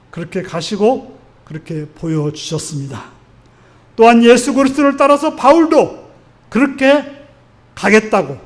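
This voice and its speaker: A male pastor preaching a Sunday sermon in an earnest, exhorting way, putting question after question to his congregation. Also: sits high. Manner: asks the congregation frequent rhetorical questions.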